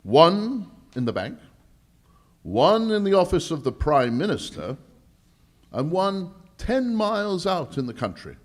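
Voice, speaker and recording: An actor playing a proud, easily exasperated English lord in charge of a bank vault, speaking formally in a 1940s radio drama style. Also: male voice, high voice, very animated, full character voice. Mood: formal explaining. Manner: emphatic, deliberate, formal, slightly halting. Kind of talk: 1940s radio drama acting, performed live.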